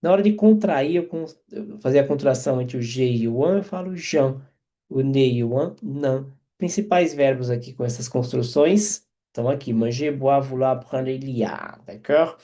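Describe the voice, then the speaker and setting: A man's voice: mid-range voice, mellow. A man teaching French grammar, explaining each example and checking in with listeners as he goes. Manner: repeats and checks in with quick tags.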